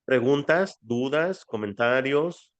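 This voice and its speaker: A man with a Mexican accent guides a spiritual study group in a warm, familiar, conversational tone. His voice sits at an ordinary middle pitch. He asks listeners how they feel and calls them sweet names as he teaches. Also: lively intonation, slow, lo-fi sound. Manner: affectionate, chatty, addresses listeners as family.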